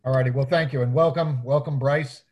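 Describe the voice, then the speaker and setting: Relaxed mayor, dark mellow voice. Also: male voice, mid-range voice, fairly quick. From Hawaii. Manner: relaxed, hesitant with fillers. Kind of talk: casual meeting introductions.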